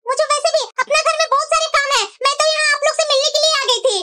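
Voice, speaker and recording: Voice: very high voice, fairly even intonation, rapid-fire, bright, forceful tone. A voice actor playing a tattling young sister-in-law in a cartoon, chatty and conspiratorial. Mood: defensive. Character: gossiping young sister-in-law, two-faced busybody. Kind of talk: cartoon voice acting.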